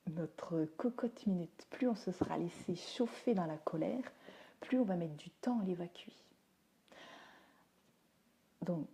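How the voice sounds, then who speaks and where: A teacher and parenting speaker with a mellow, mid-range voice gives a chatty, down-to-earth live talk, responding to viewers' comments along the way. She uses frequent fillers, and the audio comes from a phone or webcam livestream.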